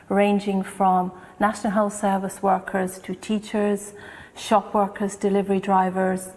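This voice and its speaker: A woman's voice: mid-range voice, a little mellow. A woman leading a community centre delivers a formal, scripted address of thanks. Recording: long hall-like reverb.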